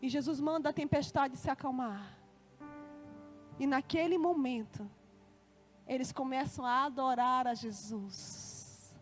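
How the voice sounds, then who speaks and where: A woman's voice: sits high, measured pace, pauses often, faint music behind. A Brazilian woman preaching a sermon in church, telling a personal story with feeling and acting out the voices in it. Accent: Brazilian Portuguese.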